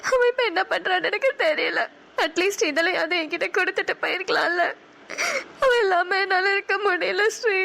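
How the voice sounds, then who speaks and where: A woman's voice: very high-pitched, fairly even intonation, quick pace, vocal fry, a bit bright, exaggerated voice. A woman voicing an anxious, heartbroken young mother in a cartoon, crying and pleading. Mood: sobbing. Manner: tearful, pleading.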